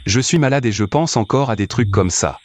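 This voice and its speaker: A man dubbing a gentle, shy student, speaking in a plain, hesitant way. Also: on the low side, lively intonation, brisk. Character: gentle bright male student, sick and shy. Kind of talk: French dub of a series.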